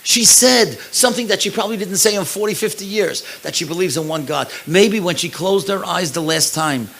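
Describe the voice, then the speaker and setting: Gravelly rabbi telling stories. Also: male voice, high-pitched, a little fast, slight background noise, poor audio. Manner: animated storyteller, acts out the people in his stories. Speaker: rabbi and lecturer. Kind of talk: storytelling lecture. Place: synagogue event hall.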